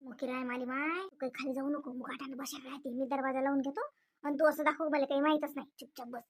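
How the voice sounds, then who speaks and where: A woman voicing a timid elderly man who is a guest in the house in an animated comedy, muttering worriedly under his breath. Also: sits high, fast, pitched below the performer's own voice, natural voice. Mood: hushed fretting.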